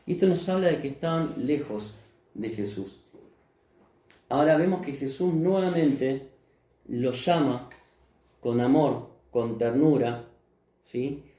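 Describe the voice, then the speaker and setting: A man's voice: medium pitch, takes it slowly, pauses often, dark tone, roomy sound. A man with a Rioplatense Spanish accent preaching a sermon as pastor, often putting questions to the congregation and answering them himself. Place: church hall.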